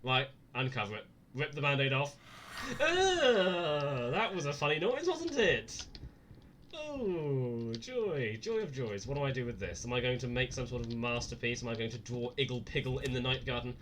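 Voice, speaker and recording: A man's voice: medium pitch, animated, a little fast, hardly any pauses, a bit bright, a little hiss or hum. A scared, nervous man giving live horror game commentary with dry sarcasm and frequent swearing.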